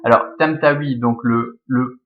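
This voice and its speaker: A man's voice: medium pitch, steady tone, a little slow, muffled recording. Belgian man teaching, thinking aloud step by step. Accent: Belgian French. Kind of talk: explaining Latin verse scansion.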